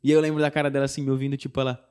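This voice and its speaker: Young man, Brazilian accent, podcast guest, chatty storytelling, mid-pitched voice, acts out dialogue. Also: racing, clean tone. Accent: Brazilian Portuguese. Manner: animated, acts out quoted dialogue; frequent fillers like "tipo" and "não sei o quê". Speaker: singer-songwriter guest. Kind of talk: casual storytelling interview.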